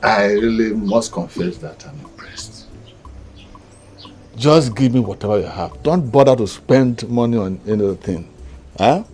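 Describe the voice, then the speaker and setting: A pleased low-voiced uncle. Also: male voice, animated, darkish tone, slight background noise. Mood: approving. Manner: slow, approving. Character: pleased older uncle, blessing and generous. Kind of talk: Nollywood film acting.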